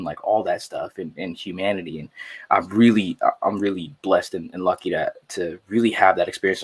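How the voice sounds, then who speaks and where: A man's voice: low-pitched, husky. A man from the Philippines raised in San Jose, California, speaking as a guest in a casual podcast conversation, easygoing and full of "you know what I'm saying.". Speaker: podcast guest, artist and musician.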